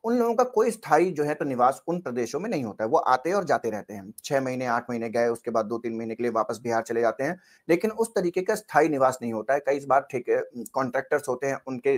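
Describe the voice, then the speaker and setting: A man giving spoken political commentary as a news channel host, earnest and questioning, often pausing and restarting his sentences. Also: mid-range voice.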